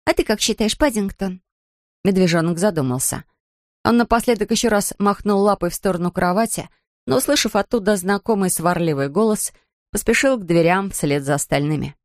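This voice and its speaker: Low-voiced woman reading a storybook. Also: expressive, a little fast, dry recording, studio quality.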